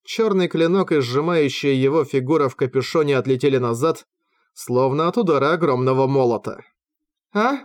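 Male audiobook narrator, mid-pitched, steady and measured, dry close home recording. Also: no room sound. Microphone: close microphone, home recording.

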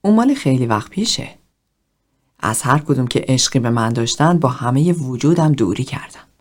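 A woman voicing a cold, self-loathing man, hushed and breathy. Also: lively intonation. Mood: bitter. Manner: low, hushed, half-whispered confession. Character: cold, self-loathing middle-aged man in group therapy.

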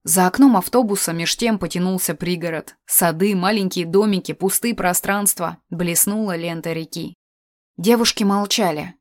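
A woman's voice: lowish voice, normal speed, dry recording. Woman narrating an audiobook, dry sound. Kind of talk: scripted narration.

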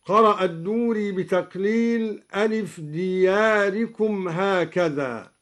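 High-voiced man slowly explaining Quranic readings. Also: fairly bright tone. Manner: measured, alternates explanation with chanted verses. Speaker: Quran teacher. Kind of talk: explaining recitation variants.

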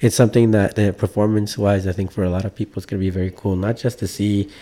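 Male host, low mellow voice, rambling casual interview, lots of restarts. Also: little pitch movement, quick pace. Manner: rambling, frequent restarts and fillers.

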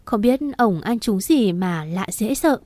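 Woman doing an older mom, homely and talky, mellow voice. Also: mid-range voice, lively intonation, unhurried, dry recording. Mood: chatty. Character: warm worried older mother.

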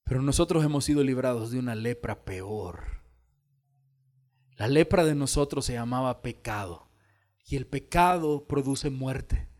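A man preaching a sermon as pastor, telling stories and acting out the dialogue with lively energy. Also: medium pitch, measured pace. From El Salvador. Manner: animated storytelling, acting out dialogue. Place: church hall.

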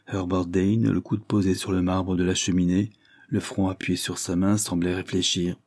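A man narrating a Victorian novel as an audiobook in a measured, steady way, close to the microphone. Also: deep voice, no room sound.

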